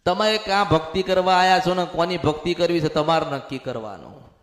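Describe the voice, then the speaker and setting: A man's voice: on the high side, a little fast. A man acting as a spiritual medium, preaching in a possession sermon and speaking as a goddess in the first person, with lots of repetition. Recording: echoey hall with long reverb.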